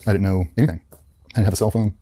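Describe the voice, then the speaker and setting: Fast-talking low-voiced former sailor. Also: male voice, fairly even intonation, warm tone. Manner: matter-of-fact, blunt, quick recounting. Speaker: interview guest, former Navy SEAL. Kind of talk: casual storytelling.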